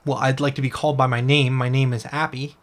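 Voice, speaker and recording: A man voicing a grumpy orc cursed into an oyster, gruff and indignant. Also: medium pitch, level tone, quick pace, fairly bright tone, natural voice. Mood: sarcastic.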